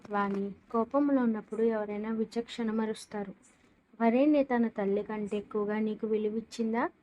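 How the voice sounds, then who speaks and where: A woman voicing a calm middle-aged father who gently soothes his worried wife. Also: fairly high pitch, moderate pace, lightly acted, low-quality recording. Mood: reassuring.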